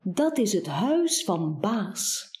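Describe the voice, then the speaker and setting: A woman reads a children's story aloud and speaks directly to the listener. Her pace is very slow and her pitch moves lively up and down. The pitch sits mid-range. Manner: expressive, addresses the listener.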